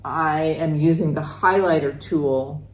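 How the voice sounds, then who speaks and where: A woman's voice: sits low, fairly even intonation, takes it slowly, slight background noise. An older woman co-hosting a crafting show, chatting casually and thoughtfully explaining how she works. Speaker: co-host. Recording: echoey room.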